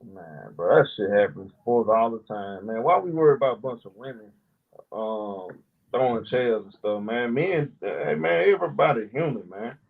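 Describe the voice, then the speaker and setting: A man's voice: medium pitch, lively intonation, moderate pace, vocal fry, slightly rough. Slangy argumentative man, lo-fi stream. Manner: loose, argumentative, slangy, talks back to chat. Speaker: sports talk stream host. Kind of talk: casual live-stream chat.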